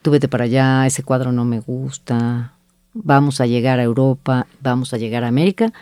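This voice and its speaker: A middle-aged woman who founded an agency appears as a guest in a conversational interview, telling her business story with energy and quoting both herself and others. Her voice is warm, mellow, clear and resonant, with an extremely low pitch and a normal pace. The recording is dry and close, with no room sound.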